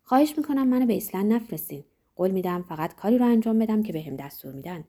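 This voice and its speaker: A woman reading the part of a panicked young man who begs in a fast, frantic, tearful way. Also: medium pitch, animated, mellow. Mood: frantic pleading.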